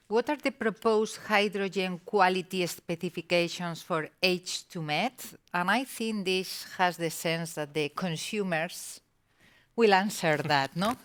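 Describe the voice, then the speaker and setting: A woman moderating a webinar, reading out questions from the audience. She speaks very slowly, in a smooth and fairly low voice. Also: a bit bright. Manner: slow, reads out questions.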